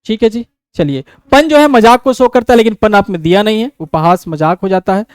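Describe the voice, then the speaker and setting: Bihari guy teaching exam prep, really high voice, smooth, asks himself questions and reads english bits slowly. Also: expressive, no room sound, studio quality. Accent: Bihari Hindi. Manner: explains step by step, asks and answers his own questions.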